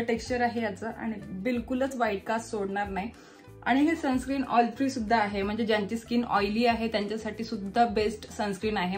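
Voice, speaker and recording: A woman with a Marathi accent talks through her day in a relaxed vlog, explaining things step by step and mixing in English words. Her voice sits on the higher side. Soft music plays faintly behind her. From Maharashtra, India. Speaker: vlogger. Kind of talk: casual vlog with sponsored product talk.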